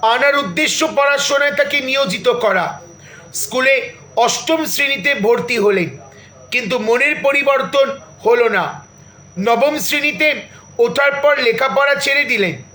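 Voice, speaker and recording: A man with a very high, bright and sharp voice narrates a literary reminiscence in a measured, bookish way. He turns now and then to speak straight to the listener. The sound bounces around an echoey room.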